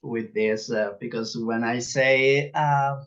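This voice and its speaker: A man from Barcelona speaking halting English with a Spanish accent, a musician guest in a casual interview who laughs often. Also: mid-range voice, steady tone, a bit bright, muffled recording. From Spain, Barcelona. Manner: halting, simple non-native English with frequent laughs.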